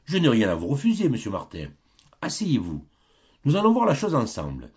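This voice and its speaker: Un mec qui fait un vieux saint sympa de conte, ton chaleureux, intonation qui bouge pas mal. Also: male voice, mid-range voice, wildly swooping pitch, fairly quick, slightly rough, lo-fi sound, full character voice. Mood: welcoming. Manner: warm, familiar and obliging. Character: kindly old male saint, heaven's gatekeeper.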